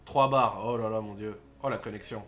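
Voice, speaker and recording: A young man commentating his own gameplay, excitable, swearing and shouting at the game. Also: lowish voice, a little fast. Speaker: gaming YouTuber.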